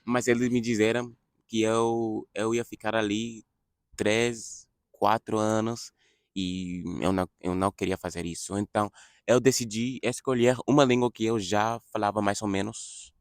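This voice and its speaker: Slow, halting young man, deep voice. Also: steady tone, smooth, no room sound, clean studio sound. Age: young adult. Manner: halting, many restarts and self-corrections. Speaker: vlogger, language learner. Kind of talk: casual spoken update in a learned language.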